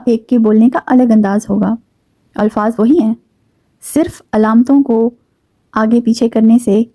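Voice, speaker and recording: A woman teaching a grammar lesson, explaining patiently with occasional fillers and slowing down to stress key words. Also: fairly high pitch, warm tone, no room sound. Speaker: Urdu teacher.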